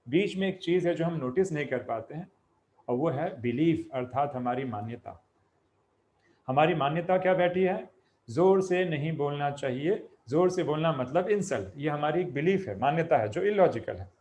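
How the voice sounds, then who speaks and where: A man gives an explanatory talk as a spiritual teacher. His voice sits a little higher than most men's. He builds the idea up step by step, glosses each term in plain words, and puts questions to the listener before answering them himself. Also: animated, moderate pace, a little mellow. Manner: explains step by step, repeats terms with Hindi glosses.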